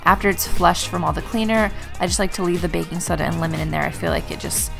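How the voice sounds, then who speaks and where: Chatty woman with a gravelly voice. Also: fairly low pitch, fast, a bit bright, soft background music. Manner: chatty, with many fillers. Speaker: vlogger, stay-at-home mom. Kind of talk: casual voice-over narration. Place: bedroom at home.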